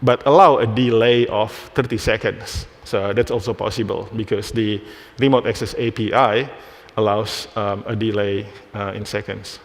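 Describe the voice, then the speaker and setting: An Indonesian man with a lowish, fairly even voice gives a live technical presentation on a conference stage. He speaks haltingly, restarting phrases as he works through a demo, and the hall adds reverb.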